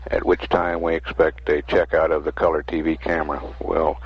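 An American man giving official live mission commentary as a control center announcer, measured and matter-of-fact. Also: a bass voice, flat delivery, slightly rough, no room sound. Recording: dull 1960s broadcast recording.

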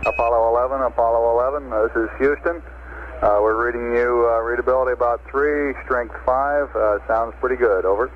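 A man working mission control, speaking over a radio transmission in clipped protocol with frequent uh pauses. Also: mid-range voice, steady tone. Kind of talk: radio procedure call. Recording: tinny archival radio link with faint static.

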